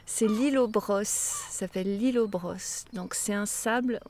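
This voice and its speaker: A woman who volunteers as a housekeeper at a sailing base chats and reminisces in a casual interview, hesitating now and then. Her voice is medium-pitched and her pace measured, and the outdoor recording is noisy.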